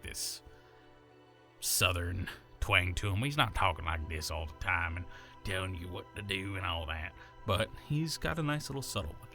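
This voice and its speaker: A voice actor from the American South, very low-pitched with a natural gravel yet a neutral accent, rambles loosely through how he builds a character voice, full of fillers and restarts. His tone is bright and forceful, with faint music underneath.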